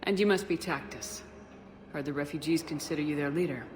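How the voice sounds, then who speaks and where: A woman's voice: deep voice, brisk, lightly acted. A woman playing a confident military commander in a video game, composed and direct with a dry wit. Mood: firm. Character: steady, wry female military commander, confident.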